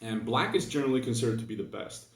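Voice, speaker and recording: Freshly awake, this young man with a Dutch accent talks quickly in a gravelly, expressive mid-range voice. His gaming-video monologue is loose and unsure, packed with filler words and restarts, recorded far from the mic in an echoey room.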